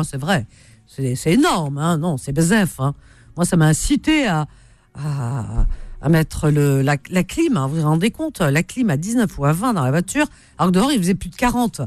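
Animated woman hosting a call-in radio show. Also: fairly low pitch, dry recording. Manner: chatty, teasing, lively banter. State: has bronchitis. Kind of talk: casual on-air chat with callers.

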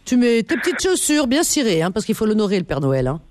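A woman with a high voice hosts a call-in radio show. She chats casually, teasing her caller and filling her talk with little hesitations. The sound is dry and close to the microphone. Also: sing-song, quick pace, darkish tone, no echo. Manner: teasing, chatty, many fillers. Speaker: radio host.

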